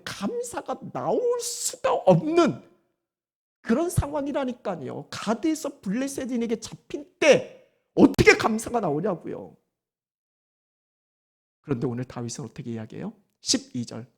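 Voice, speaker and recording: A woman pastor giving a Sunday sermon, animated and firing rhetorical questions at the congregation. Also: medium pitch, husky.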